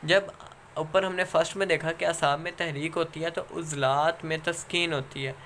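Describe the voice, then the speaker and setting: A Pakistani-accented man gives a lecture in a fairly high, bright, forceful voice. He explains step by step, pauses on fillers and keeps checking in with his students. Faint hiss sits under the recording. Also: steady tone. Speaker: instructor.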